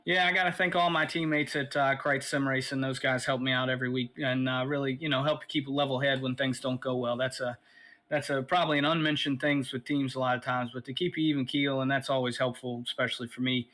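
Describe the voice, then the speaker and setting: A man's voice: mid-range voice, steady tone, fast talker, sharp tone, poor audio. A man, a sim racing driver, a little out of breath, talking casually and rambling in a post-race interview.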